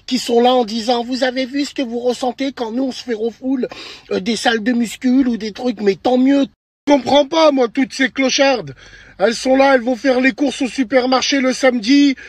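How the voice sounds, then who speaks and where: A man's voice: very high voice, breathy edge, dry recording. A man, delivering an angry, indignant, vulgar rant to camera in an agitated, emphatic way. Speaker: online video ranter. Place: inside a car. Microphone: phone at arm's length.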